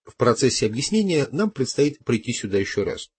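A man reading a calm older male sorcerer teacher in an audiobook, matter-of-fact. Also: mid-range voice, fairly quick, breathy edge.

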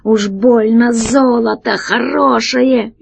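A woman's voice: steady tone, slow pace, creaky, slight background noise, full character voice. A woman doing a whiny, greedy space pirate. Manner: pleading, higher and whinier than the narration. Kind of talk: storybook reading.

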